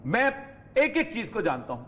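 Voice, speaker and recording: A man's voice: high voice, wildly swooping pitch, a little hiss or hum. A man from Pakistan giving emphatic, lecturing political commentary on a TV studio talk show. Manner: emphatic, lecturing, rising forcefully on key points.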